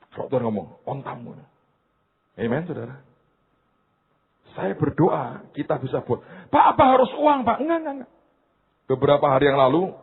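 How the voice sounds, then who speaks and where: Husky man preaching over tinny sound. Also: mid-range voice. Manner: preaching with rising, emphatic exhortation. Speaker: pastor. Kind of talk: sermon.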